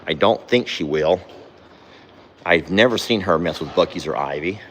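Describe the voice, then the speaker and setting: A man talks casually in a low voice while working in a barn. He coos at his animals and jumps to a much higher pitch when he scolds them. A faint hiss sits behind him. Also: moderate pace. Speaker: farm vlogger. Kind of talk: casual vlog chat while doing barn chores.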